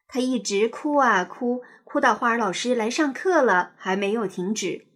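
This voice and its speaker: A woman narrates a children's picture book in an expressive, sing-song way. Her voice sits fairly high with a husky, breathy texture. Her pitch swoops and bounces lively through each line. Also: normal speed. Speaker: storyteller.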